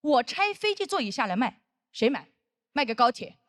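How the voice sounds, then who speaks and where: A woman's voice: sits high, very animated, moderate pace, dry recording, clean studio sound. A woman in her thirties performing brash, punchy stand-up comedy on a stage before an audience. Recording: noisy live stage recording.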